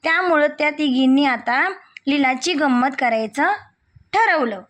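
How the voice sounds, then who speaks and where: A woman's voice: high-pitched, a little slow, a bit bright. A woman teacher reading a children's story aloud and explaining it line by line in simple words. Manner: reads a line, then retells it in plain words.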